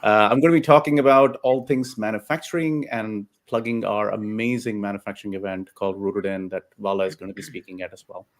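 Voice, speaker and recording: Friendly, low-voiced male guest. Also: steady tone, brisk, few pauses. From California. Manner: friendly and joking.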